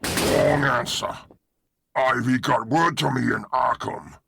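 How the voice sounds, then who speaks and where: A man playing a menacing, explosive crocodile man villain in an audio drama, with a gravelly, growling voice. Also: mid-range voice, fairly even intonation, slow, fairly bright tone, no room sound, clean studio sound, full character voice. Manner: menacing, explosive, snarling threats. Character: enraged, desperate monstrous crocodile man villain.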